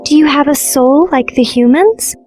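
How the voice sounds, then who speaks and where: A woman voicing a gentle young mermaid girl who is curious and hopeful, asking soft, wondering questions. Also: sits high, normal speed, soft background music, pitched above the performer's own voice, close to an everyday voice.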